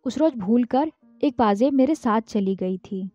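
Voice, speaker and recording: A caring aunt questions the family gently in a storybook reading, read aloud by a woman. Her voice is high-pitched and mellow. The recording is dull and lo-fi, with no room echo. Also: lively intonation, measured pace, faint music behind. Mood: concerned. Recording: dull, dry, lo-fi.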